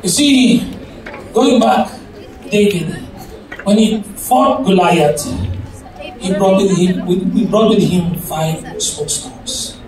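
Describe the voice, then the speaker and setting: High-voiced Filipino preacher in echoey hall. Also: male voice, slow pace, long pauses. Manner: shouts and sings phrases, switches between Tagalog and English. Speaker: youth conference preacher. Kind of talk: sermon. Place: large hall with an audience. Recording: echoey hall from far off, loud crowd and noise.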